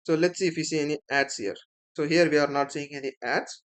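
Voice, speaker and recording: A step-by-step tutorial is led by an Indian-accented male instructor who explains things and often checks in with the listener using "right?" and "okay". He speaks at a quick pace, with a voice on the high side, fairly even intonation and a clean tone.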